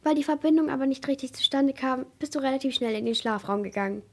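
A woman's voice: sits high, fast talker. A woman voicing a challenging rig worker. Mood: accusing. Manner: pointed, challenging. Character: suspicious male rig worker, accusing.

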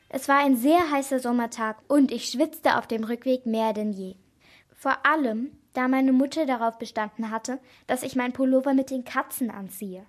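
A woman reading a first-person children's crime story aloud, lively and giving each character a voice. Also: high voice.

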